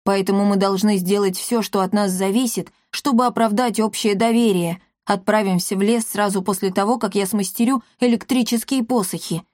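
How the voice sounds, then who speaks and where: A woman's voice: mid-range voice, fairly even intonation, moderate pace, hardly any pauses, a little mellow, dry recording, studio quality, lightly acted. A woman voicing a determined young boy who speaks earnestly and sternly. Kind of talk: audiobook character voice.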